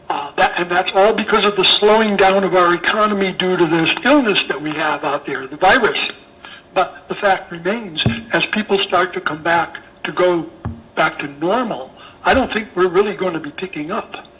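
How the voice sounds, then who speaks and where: A man phoning in as a caller, his voice coming through over the line. He talks in a high, forceful tone and drives his points home by repeating them. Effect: call-in voice heard over the phone line. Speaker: caller phoning in to a town budget hearing. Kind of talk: public comment by phone.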